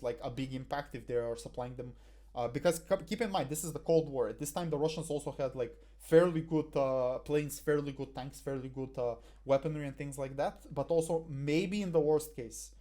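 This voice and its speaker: In a small room on a headset, a young debate coach from Bulgaria explains a motion over slides with a mellow, medium-pitched voice. His delivery is hesitant, packed with fillers and restarts.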